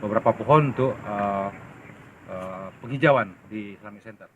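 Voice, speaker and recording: A male official giving a statement in a news interview, halting, with pauses and fillers. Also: lowish voice, highs cut off, slight background noise.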